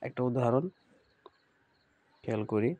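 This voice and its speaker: A man's voice: mid-range voice, steady tone, measured pace, dark tone. A man teaching an online Quran reading lesson, patiently sounding out syllables one by one and speaking to his students as a group. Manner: uses pious phrases, addresses students as a group.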